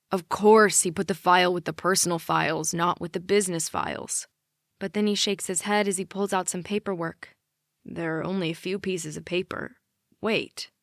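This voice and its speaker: A woman's voice: medium pitch, dry recording. A woman reads a young adult romance audiobook in the first person, telling it with intimate emotion. Her voice sits in a middle range and the recording is dry and close, with no room sound. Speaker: audiobook narrator.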